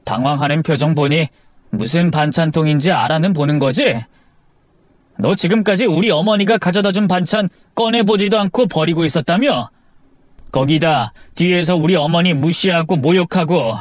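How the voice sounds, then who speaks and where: Casting: man playing angry husband, accusing, voice climbing high in anger, dry recording. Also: fairly quick, no echo, close to an everyday voice. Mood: furious. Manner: shouting, accusing, rising anger. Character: angry husband confronting his wife, furious, accusing.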